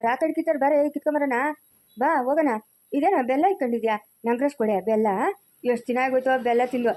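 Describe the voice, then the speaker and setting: A woman's voice: sits high, steady tone, fast talker, warm tone, lightly acted. Woman playing a pestering village girl. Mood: wheedling. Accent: Kannada, Chikkaballapur rural dialect. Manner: wheedling, tattling.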